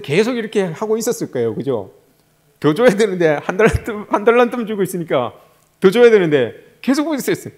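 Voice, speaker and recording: Lively man preaching with rhetorical questions. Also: a little high. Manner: asks the congregation rhetorical questions. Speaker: pastor. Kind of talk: sermon.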